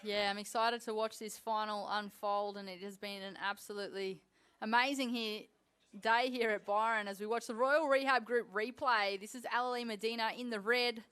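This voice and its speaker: A woman's voice: on the high side, fairly even intonation, moderate pace, fairly bright tone, clear, resonant tone. A woman hosting live sports commentary from the booth at an event.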